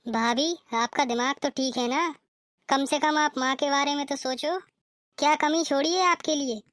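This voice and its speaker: A woman's voice: high-pitched, steady tone, normal speed, fairly bright tone, no echo. A woman voicing a protective young married daughter in a cartoon, talking urgently. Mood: scolding. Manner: urgent, insistent. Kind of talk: cartoon voice acting.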